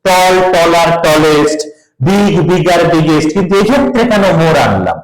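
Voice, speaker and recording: A man's voice: on the high side, expressive, moderate pace. A male teacher, quizzing his students through a grammar lesson and drilling spellings aloud. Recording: roomy echo.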